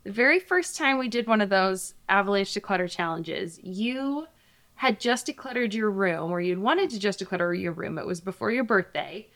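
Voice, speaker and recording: A woman in her thirties hosting a podcast, talking in a chatty, upbeat way with direct appeals to listeners and a relaxed chat with her child. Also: medium pitch, normal speed, no room sound. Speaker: podcast host.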